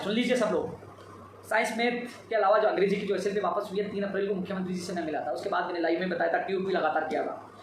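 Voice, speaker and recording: Exhausted after a long day, a man advocating for job seekers updates his followers live on recruitment demands, repeating himself emphatically. His high-pitched voice carries heavy reverb from a distant mic, over a noisy background.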